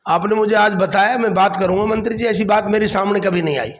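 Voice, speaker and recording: A man's voice: high-pitched, fairly quick. A man, a district council chief answering a political interview defensively and repeating his points.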